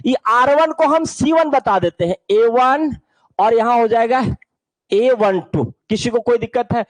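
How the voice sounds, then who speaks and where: A man's voice: extremely high pitch, dry recording, poor audio. A man teaching an online maths class in a playful way. He keeps telling students to look carefully and asks the class questions.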